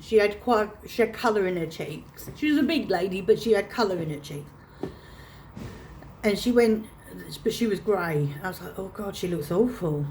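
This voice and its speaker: A woman telling a painful personal story to camera, halting and restarting her phrases as she holds back emotion. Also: medium pitch, animated, darkish tone, a little hiss or hum. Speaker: vlogger.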